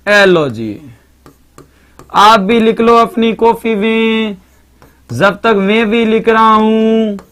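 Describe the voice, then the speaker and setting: Male tutor, Marwari accent, high voice, live online class, keeps telling students to watch out. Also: very slow, long pauses, fairly bright tone. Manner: repetitive, chatty, keeps urging students to pay attention. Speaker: teacher. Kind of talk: live online grammar lesson.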